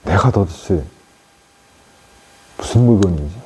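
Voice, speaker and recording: Male monk, deep low voice, husky, lively pitch, unhurried talk with fillers. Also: low-quality recording. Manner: unhurried, plain explaining, frequent fillers and tag questions. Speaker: Buddhist monk teaching meditation. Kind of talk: dharma talk to lay practitioners.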